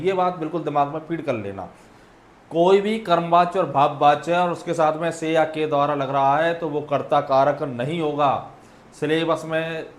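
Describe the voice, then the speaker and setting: A male teacher explaining an exam solution, putting questions to the class and answering them himself, clearing his throat now and then. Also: on the high side, roomy sound.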